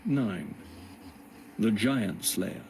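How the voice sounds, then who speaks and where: A man narrating a storybook in a measured reading. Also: on the low side, lively intonation, gravelly, darkish tone, a little hiss or hum. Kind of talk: audiobook narration.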